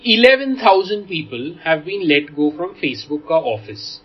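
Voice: medium pitch, sing-song, normal speed, dull audio. A podcast co-host with an Indian accent, chatting casually and riffing playfully in a comedic style.

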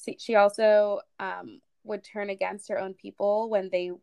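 A woman's voice: medium pitch, flat delivery, a little slow, creaky, darkish tone, clean tone, no echo. A woman co-hosting a casual history podcast, talking in a chatty way with many fillers. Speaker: podcast co-host.

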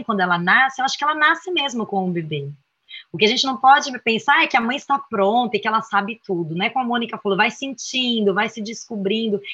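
A woman guest therapist speaks in a bright, crisp voice, earnest and heartfelt as she reflects aloud. She often closes her thoughts with a tag question. Her voice comes through dry, with a slightly muffled, dull sound. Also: a little high, no room sound. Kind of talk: reflective conversation.

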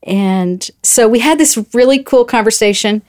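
A woman's voice: fairly high pitch, moderate pace, a little mellow. A middle-aged woman chatting as a guest, telling a story and acting out the voices she quotes. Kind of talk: casual storytelling chat.

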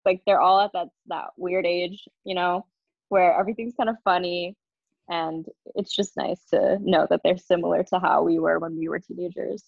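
Young woman from New Jersey, casual podcast co-host, relaxed, lo-fi dry recording. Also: on the low side, moderate pace, vocal fry, dry recording. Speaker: podcast co-host, English language assistant. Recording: dull, dry lo-fi mic.

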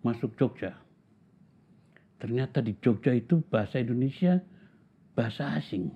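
A man in his seventies telling stories from his life in a slow, reflective way, pausing often and repeating words for emphasis. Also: medium pitch, lively intonation, gravelly, breathy edge. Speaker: interviewee. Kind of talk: reflective storytelling in conversation. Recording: tinny phone-like sound.

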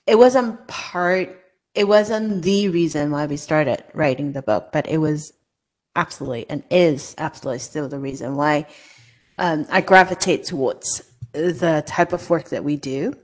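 Woman, from Hong Kong, low pitch, earnest, conversational co-author. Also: a little slow. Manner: earnest, personal storytelling with fillers. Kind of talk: casual conversation.

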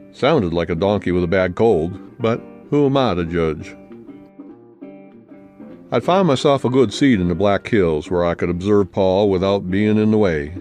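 A man's voice: on the low side, a little mellow, lightly acted. A man voicing a boastful uncle who spins tall tales in a folksy cowboy drawl.

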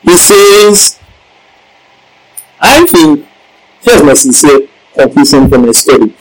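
Guy preaching a sermon, swoops all over in pitch, slightly high voice, keeps repeating stuff and asking did you get it. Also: sing-song, slow pace, poor audio. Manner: emphatic, repeats lines, asks the congregation questions. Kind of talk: sermon with Bible teaching.

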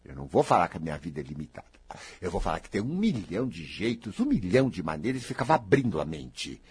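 A man's voice: deep voice, very animated, fast talker, a little mellow, breathy edge. A man with a Brazilian Portuguese accent giving an emphatic motivational talk, speaking straight to his listeners and repeating key phrases. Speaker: spiritual self-help speaker.

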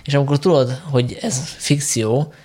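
A man hosting a film podcast, speaking in a measured way with frequent filler sounds. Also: mid-range voice, fairly even intonation, darkish tone, slightly rough. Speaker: podcast host. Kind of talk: casual film discussion.

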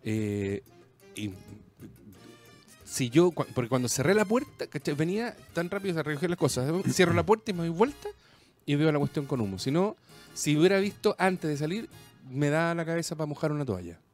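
A man with a Chilean accent telling a story in casual chat, rambling and animated, full of slang. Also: a little high, moderate pace, soft background music.

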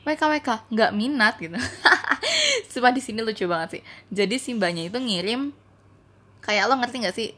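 A young woman chats her way through a personal storytime. Her voice sits at a middle pitch, and she talks in a loose, slangy, animated way, jumping in and out of the other people's lines as she retells them. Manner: chatty, slangy, animated retelling with frequent laughter. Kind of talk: casual storytime chat.

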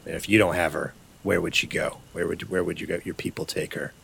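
A man's voice: low-pitched, fairly even intonation, brisk, gravelly, a bit bright, slight background noise. A man playing a tabletop game, casual and hesitant, with many ums and uhs. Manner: casual, hesitant, full of fillers. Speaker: player.

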